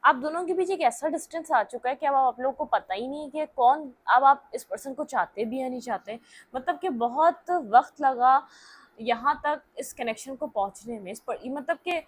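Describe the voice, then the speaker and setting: A woman's voice: high voice, normal speed. A young woman giving a casual tarot reading to her viewers, talking things through and checking in with frequent "okay"s. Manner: talkative, keeps checking in with "theek hai", mixes English words. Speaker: tarot reader.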